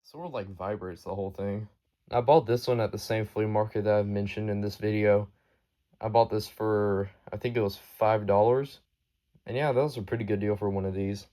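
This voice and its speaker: A man hosts a video presenting his collection of weather radios, narrating casually and off the cuff. His voice is lowish and dark, with fairly even intonation and a normal speed.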